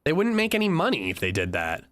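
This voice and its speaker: A man from Pennsylvania, a streamer talking casually with chat while playing a game, animated and swearing freely. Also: fairly high pitch, fast. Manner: animated, profane, reacting to chat. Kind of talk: casual gaming livestream chat.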